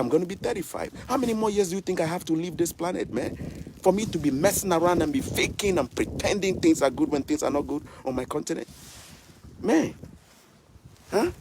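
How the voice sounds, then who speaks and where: A man's voice: fairly high pitch, darkish tone, a little hiss or hum. Fired-up Ghanaian man ranting outdoors. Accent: Ghanaian English. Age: 30s. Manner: preachy, repetitive, rhetorical questions. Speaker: vlogger. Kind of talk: impassioned political rant to camera. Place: outdoors in snow.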